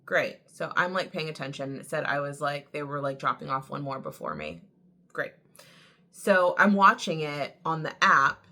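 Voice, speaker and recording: A woman vlogger with a low, slightly raspy voice chats casually to camera, pushed and bright in tone. She's tired from waking early, and her chatty storytelling is packed with "like" fillers.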